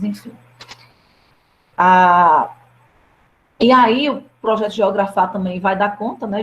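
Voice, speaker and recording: A woman's voice: medium pitch, rough recording. A woman from Brazil giving an academic presentation to a study group, hesitant, with many fillers and restarts.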